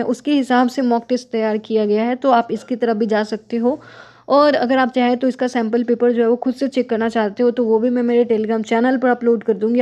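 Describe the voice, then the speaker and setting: A woman's voice: fairly high pitch, mellow. A young woman teaching exam preparation in a casual, direct manner, advising viewers and addressing them as friends. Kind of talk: casual explanatory lesson.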